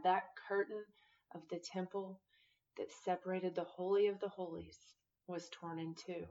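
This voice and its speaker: A woman reading scripture aloud and adding her own explanations, in an earnest, measured way. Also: medium pitch, a little mellow, far from the mic, lo-fi sound. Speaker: Bible teacher.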